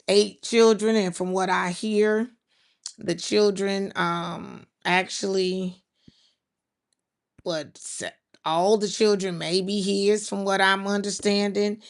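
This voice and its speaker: Chatty woman with a gravelly voice. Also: medium pitch. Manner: chatty, talks straight to the chat, says y'all. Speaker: livestream podcast host. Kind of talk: casual livestream chat to viewers.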